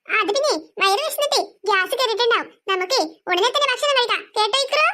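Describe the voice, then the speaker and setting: A woman's voice: very high voice, expressive, fast talker, bright, forceful tone, heavily acted. A woman voicing a caring, motherly schoolteacher in a cartoon, fussing over the children. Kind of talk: cartoon voice acting.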